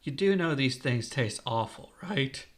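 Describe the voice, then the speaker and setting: A man's voice: mid-range voice, animated, a little slow, lightly acted. A man voicing a playful, easygoing young boy with an offhand tone.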